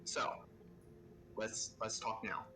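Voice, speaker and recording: A man playing his character in a tabletop game, argumentative and lively. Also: slow pace, a little hiss or hum, rough recording. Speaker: player.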